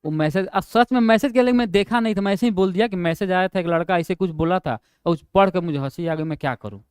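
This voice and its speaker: A young male online teacher telling classroom stories in a casual, chatty way, laughing at his own tales and dropping low for quoted asides. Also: fast talker, clean tone, dry recording, clean studio sound. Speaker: online exam-prep teacher.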